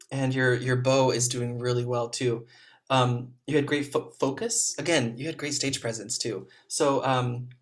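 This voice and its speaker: Encouraging male juror on a video call. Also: medium pitch. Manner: encouraging, gentle, frequent ums. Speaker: competition juror. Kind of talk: spoken feedback to young players.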